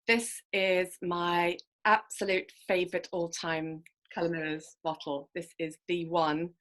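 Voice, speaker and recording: A woman hosting a guided relaxation session, talking informally in a gentle, unhurried, soothing manner. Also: fairly low pitch, level tone. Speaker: host of guided colour visualisation sessions.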